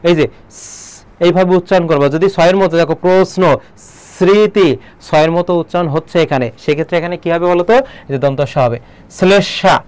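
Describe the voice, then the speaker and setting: A Bangladeshi man teaching an online exam-prep class, explaining and quizzing students with quick questions. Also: high-pitched, clean tone, no echo. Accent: Bangladeshi Bengali.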